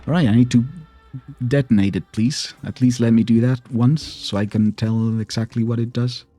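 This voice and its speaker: With a medium-pitched, dark voice held in a steady tone, a man narrates his let's play at normal speed over faint background music. He's chatty, mutters to himself, and grumbles at the boss he's battling.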